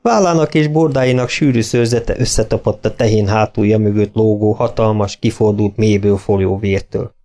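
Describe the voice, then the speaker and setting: Man narrating an audiobook steadily. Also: lowish voice. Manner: steady, measured storytelling. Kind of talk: scripted narration.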